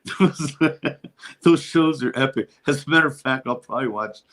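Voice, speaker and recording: A man's voice: mid-range voice, normal speed. A man co-hosting a casual podcast chat, telling stories with lots of laughter and casual swearing. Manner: laughs often, swears casually, animated storyteller. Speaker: podcast co-host.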